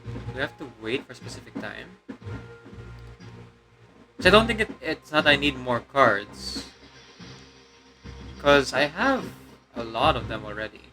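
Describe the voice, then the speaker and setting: A man's voice: medium pitch, sing-song, unhurried, long pauses, sharp tone, soft background music. A man doing a put-on demon voice while casually commenting on a game he is playing, rambling with many fillers. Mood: playful. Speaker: let's play gamer.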